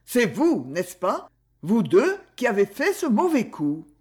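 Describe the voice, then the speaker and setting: Stern policewoman, firm interrogating tone, lively pitch; woman reader voices her. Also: slow. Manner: firm and demanding.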